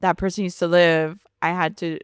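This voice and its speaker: A woman's voice: fairly low pitch, level tone, moderate pace, smooth, no echo, studio quality. A woman telling her personal faith testimony in an earnest, storytelling way, often saying "like". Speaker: podcast guest sharing testimony.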